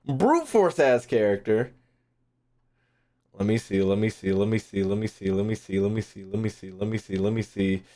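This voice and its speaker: Mellow and on the low side, this man's voice has lively intonation and a moderate pace as he reacts to a live chat while streaming games. He's casual and slangy, cursing freely and circling back over phrases as he thinks.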